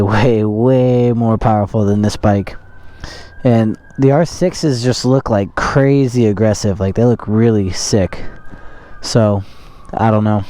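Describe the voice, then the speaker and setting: A young man riding a motorcycle and talking inside his helmet, chatting casually and rambling with lots of fillers. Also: fairly low pitch. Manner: rambling, filler-heavy, laid-back. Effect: muffled, talking inside a motorcycle helmet. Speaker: motovlogger. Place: outdoors riding a motorcycle on city roads. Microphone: helmet-mounted mic. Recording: loud wind and traffic noise while riding.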